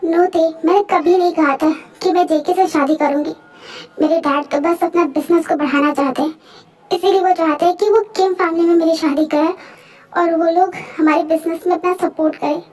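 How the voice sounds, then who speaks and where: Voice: very high voice, steady tone, brisk, a little mellow, soft background music. A dubber doing a tearful young bride. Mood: desperate. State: crying. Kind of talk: fan dub voice acting.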